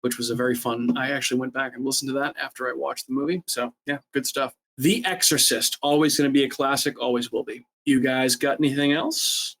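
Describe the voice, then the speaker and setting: A man's voice: medium pitch, fairly even intonation, fairly bright tone, low-quality recording. A man co-hosting a horror podcast, chatting casually and rambling with restarts. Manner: fast-talking, rambling with restarts. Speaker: podcast co-host. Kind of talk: casual chat.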